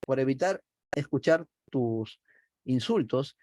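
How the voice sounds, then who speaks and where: Male teacher doing a lazy, blustering middle-aged woodcutter, mid-pitched, dry. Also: expressive, slow pace, dark tone, dry recording. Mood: lazy dismissive.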